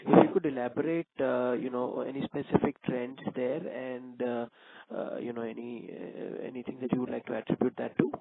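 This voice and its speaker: A man, a financial analyst on an earnings call, asking questions haltingly with many fillers. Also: mid-range voice, level tone, creaky, dry recording. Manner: halting, many "uh" and "you know". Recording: phone line with faint noise.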